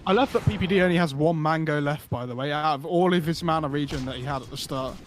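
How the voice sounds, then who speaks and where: Male analyst co-caster, very fast and rambling, slightly high pitch, self-correcting, light background noise. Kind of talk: color commentary.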